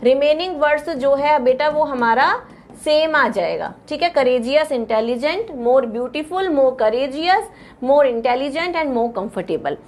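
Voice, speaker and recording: A high-pitched woman with an Indian accent gives a patient English grammar lecture in a classroom, slowly repeating word lists and calling her students "beta".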